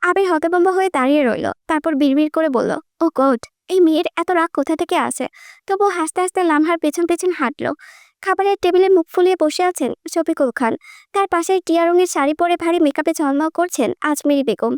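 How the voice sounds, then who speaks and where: A woman narrates a romantic audiobook story in a lively storytelling manner. Her voice is very high and bright. It is recorded close to the mic with a dry, roomless sound. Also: fairly quick, no echo. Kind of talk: scripted narration.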